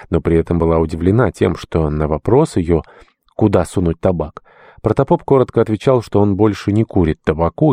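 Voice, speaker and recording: A male audiobook narrator reading a classic novel in a very deep, dark voice. His telling is even and steady, recorded close and dry with no room sound. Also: no room sound. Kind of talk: scripted literary narration.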